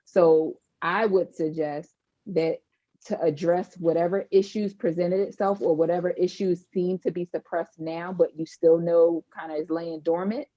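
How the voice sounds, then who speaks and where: A woman therapist explains things step by step in a calm, measured way. Her voice sits low and mellow. The recording is slightly dull and lo-fi. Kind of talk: advice in podcast conversation. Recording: dull lo-fi sound.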